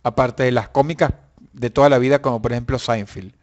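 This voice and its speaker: A man hosting a casual live chat with viewers, animated and profane, breaking into shouts. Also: medium pitch, a little fast, dull audio. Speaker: online show host.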